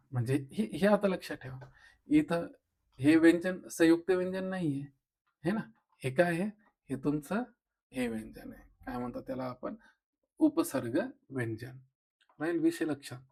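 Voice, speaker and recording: A man with a Marathi accent leads an exam-prep grammar lesson in a slightly high voice, recorded on a close microphone. He explains each point step by step and keeps turning to his listeners with quick rhetorical checks. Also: a little mellow, breathy edge. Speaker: teacher.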